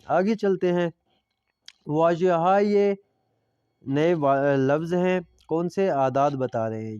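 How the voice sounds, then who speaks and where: A man teaching a language lesson in a smooth, resonant, fairly high voice, patiently repeating each word slowly so learners can catch it. The recording is dry and a little dull. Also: mellow, no room sound.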